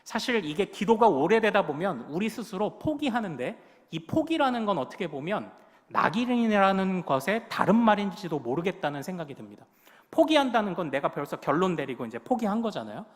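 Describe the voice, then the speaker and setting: A man's voice: on the high side, big-room sound. A male pastor preaching a sermon in a church, leading the congregation in repeating phrases and acting out the people in his story with emphatic delivery. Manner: acts out quoted voices with rising, emphatic delivery. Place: church sanctuary.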